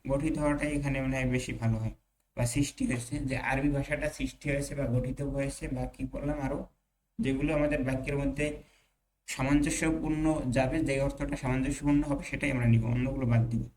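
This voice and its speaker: A young man teaching an Arabic class, reading Arabic slowly and then explaining it with pauses and fillers. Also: medium pitch, steady tone, a little mellow, slight background noise, rough recording. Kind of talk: online class lecture, explaining Arabic text in Bengali.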